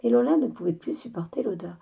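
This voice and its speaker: Woman reading storybooks to kids, gravelly voice, husky tone, lively delivery. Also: a little high, quick pace. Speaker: teacher. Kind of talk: reading children's stories aloud.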